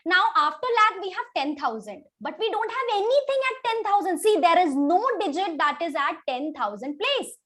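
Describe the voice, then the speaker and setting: A woman with an Indian accent teaching an online children's maths class, briskly urging her pupils along and dropping in Hindi interjections. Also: very high-pitched, very animated, a bit bright.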